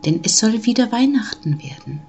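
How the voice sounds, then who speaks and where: Woman voicing a bright little Christ Child, high voice, lively, eager, slightly husky. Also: normal speed, heavily acted. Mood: urging.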